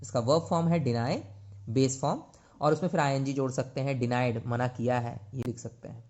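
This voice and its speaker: A man's voice: mid-range voice, a little fast, darkish tone. Man teaching grammar in an echoey room. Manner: patient, repeats words and spells them out; mixes Hindi and English while teaching. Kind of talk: classroom lesson explaining vocabulary.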